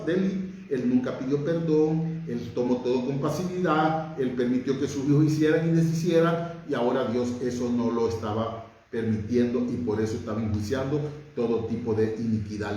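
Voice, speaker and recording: A man's voice: medium pitch, darkish tone, a little hiss or hum. A man preaching a sermon, fervent and emphatic, his voice rising on key words. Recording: very echoey room, from far off.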